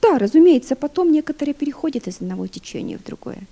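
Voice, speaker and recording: A woman in her fifties preaching a sermon to a congregation, swinging from loud emphasis to hushed, near-whispered phrases and asking the listeners questions. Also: high voice, very animated, quick pace, creaky. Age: 50s. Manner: asks the congregation rhetorical questions.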